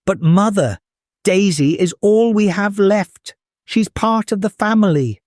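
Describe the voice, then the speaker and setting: Man voicing an earnest storybook boy, unhurried. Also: high voice, darkish tone, no room sound, clean studio sound, pitched above the performer's own voice. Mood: pleading. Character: poor, earnest, hopeful young boy. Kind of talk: children's storybook character voice.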